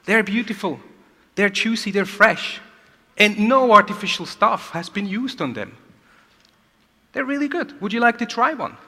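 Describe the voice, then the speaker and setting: An eager female fruit seller , as a male speaker puts her on talks up her wares in a bright, raised, coaxing sales patter. The voice rings out with a long hall reverb. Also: high-pitched, lively intonation, normal speed, pauses often, pitched above the performer's own voice, exaggerated voice. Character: friendly woman market fruit seller.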